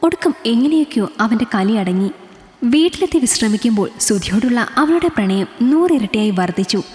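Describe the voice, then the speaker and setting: A young woman narrating a romantic story in an expressive, emotional reading. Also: on the high side, brisk. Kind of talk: storybook narration with character voices. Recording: echoey roomy reverb.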